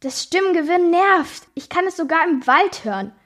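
A woman's voice: very high-pitched, animated, normal speed, fairly bright tone, voice pushed up. A girl voicing a confused female coati shapeshifter with a puzzled, grumbling manner.

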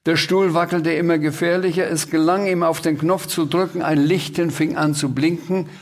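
A man, an author, reading his own children's book aloud at a live literature festival, as a lively, chatty storyteller with asides to the listeners. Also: a little high, moderate pace.

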